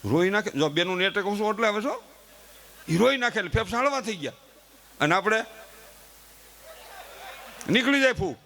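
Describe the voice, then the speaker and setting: A man's voice: high-pitched, expressive, quick pace, gravelly, long pauses, sharp tone, a little hiss or hum. A middle-aged man, giving a chatty folksy comedy monologue on a live stage and talking straight to the audience. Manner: chatty, addresses the audience directly, acts out quoted family members.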